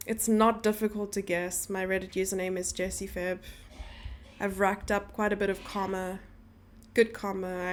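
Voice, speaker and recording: A young woman streaming, chatting casually and teasing her viewers as she reads their messages aloud. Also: medium pitch. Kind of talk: casual live-stream chat.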